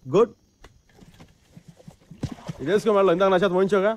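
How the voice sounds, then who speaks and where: An actor playing a young rebel fighter in a film drama, argumentative and teasing, with dry quips. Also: male voice, high-pitched, a little fast, slight background noise, lightly acted. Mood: cocky.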